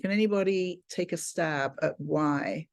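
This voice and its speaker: With a deep, unhurried voice, this English teacher leads a casual film finance class via video call. She comes across as effusive, full of exclamations.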